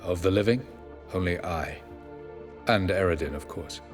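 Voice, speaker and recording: An actor playing an aloof, ancient elven sage who speaks in a measured, formal, faintly sardonic way. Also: male voice, deep voice, close to an everyday voice. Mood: cool formal. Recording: game audio with music behind.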